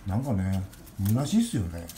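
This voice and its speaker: A man talking casually to the camera about his pet pigeon, switching to rough, coaxing talk when he speaks to the bird. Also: lowish voice, sing-song, normal speed, dark tone, a little hiss or hum. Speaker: pigeon keeper.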